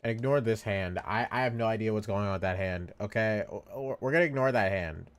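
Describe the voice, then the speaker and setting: A man's voice: lowish voice, fairly quick. A tired man chatting casually on a live stream, rambling and repeating himself while he draws. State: sleepy, yawning. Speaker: vtuber streamer.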